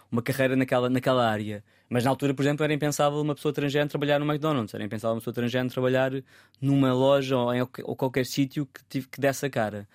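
A man's voice: medium pitch, a little mellow, dry recording, studio quality. A man, a photographer talking about his work in a casual interview, thoughtful and often restarting his words. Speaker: photographer guest.

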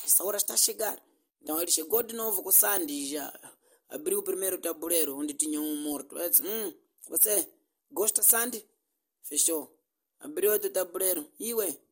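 Comic telling a silly story, middle pitch, playful and dragged-out. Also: darkish tone, husky. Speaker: comedian.

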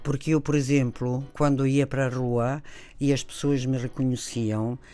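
A woman's voice: extremely low pitch, steady tone, normal speed, mellow. Older Italian-accented woman, radio guest, expansive storyteller. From Italy. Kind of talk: radio interview.

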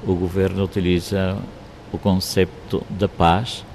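Grave deep-voiced priest, gravelly tone. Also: male voice, little pitch movement, darkish tone, a little hiss or hum. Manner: sorrowful, grave, measured. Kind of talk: interview answers.

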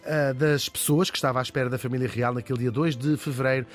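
Fast-talking Portuguese man telling history. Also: medium pitch, faint music behind. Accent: European Portuguese. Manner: lively, chatty, jokey asides. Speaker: podcast host. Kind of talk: casual history storytelling.

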